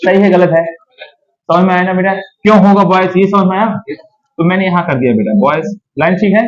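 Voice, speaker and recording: A man teaching English grammar to a class, coaxing and checking again and again that students understand, slowing down to dictate sentences. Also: sits high, dull audio. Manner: calls students beta, slows to dictate sentences.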